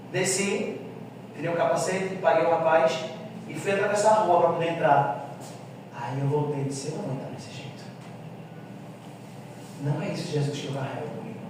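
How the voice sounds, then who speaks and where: A man preaching a sermon, impassioned, swinging between hushed and loud. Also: on the high side, background noise. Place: church hall. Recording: echoey church hall, mic far off.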